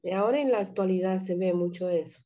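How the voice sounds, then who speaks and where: A woman's voice: lowish voice, quick pace, warm tone, lo-fi sound. A woman student with a Peruvian accent, making a hesitant comment in class, with fillers. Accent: Peruvian Spanish.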